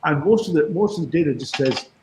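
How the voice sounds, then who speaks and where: Fast-talking male stream moderator. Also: a little high, lively intonation, echoey room, noisy background. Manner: quick, interrupting to keep order. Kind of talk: casual group debate on a stream.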